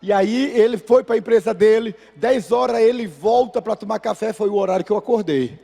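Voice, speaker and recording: A man preaching in a church, speaking with a Brazilian Portuguese accent. His voice sits high for a man, and he acts out the people in his story with lively shifts. The sound has a long reverb from the sanctuary. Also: fairly quick, gravelly. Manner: animated, acts out voices in anecdotes. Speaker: pastor. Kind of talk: sermon with storytelling.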